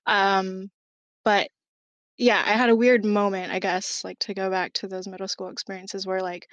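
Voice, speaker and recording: A woman's voice: medium pitch, level tone, normal speed, a bit bright, no room sound. A woman in her thirties from Southern California, a podcast guest talking casually with many ums and likes and small laughs. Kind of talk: casual chat.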